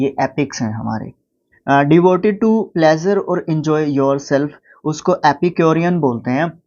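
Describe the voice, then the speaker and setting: A man with an Indian accent teaching a vocabulary lesson, explaining words and reading English definitions slowly. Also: a little high, darkish tone, muffled recording.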